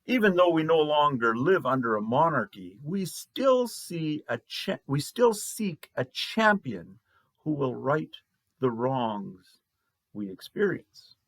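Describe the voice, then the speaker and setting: Male pastor preaching slow, gravelly husky voice, lively pitch, dry sound. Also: dry recording. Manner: slow, measured preaching with long pauses. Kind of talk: sermon.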